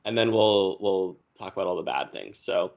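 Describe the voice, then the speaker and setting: Male panelist, slightly low, conversational explainer tone. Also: animated, normal speed, vocal fry, a little mellow. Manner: explanatory, chatty with fillers. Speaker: panelist on crypto. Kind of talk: casual podcast discussion.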